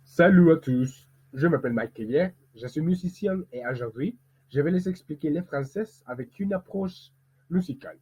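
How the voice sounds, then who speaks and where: A man who is a musician, teaching pronunciation and speaking as a learned language, who demonstrates rhythm slowly and deliberately. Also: on the high side, animated, dark tone, breathy edge. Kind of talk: explanatory lesson. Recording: tinny, phone-like sound.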